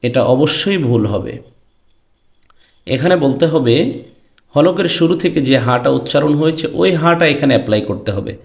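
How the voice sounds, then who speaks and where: Gravelly man teaching Quran pronunciation. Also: a little high, expressive. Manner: drawn-out chanted letter names between explanations; addresses students directly. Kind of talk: pronunciation lesson. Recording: echoey room.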